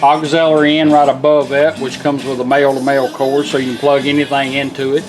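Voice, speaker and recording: With music in the background, a man who builds car radios demonstrates a product in a casual, straightforward, step-by-step manner. He speaks a little fast, at medium pitch, with a flat delivery.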